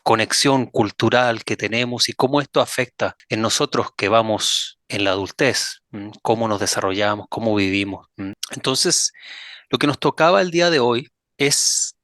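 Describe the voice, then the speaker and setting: A man's voice: mid-range voice, moderate pace, a bit bright, no room sound, studio quality. A man hosting a casual interview, friendly and reflective, thinking aloud as he talks. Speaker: host.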